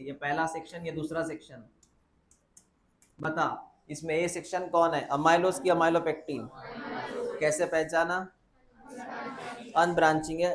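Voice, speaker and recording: A man with a fairly high voice teaches biology in a classroom that rings with echo. He repeats each point several times and keeps firing short questions at his students. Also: a little hiss or hum. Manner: repetitive, quizzing students with quick questions. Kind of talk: classroom lecture. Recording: echoey classroom.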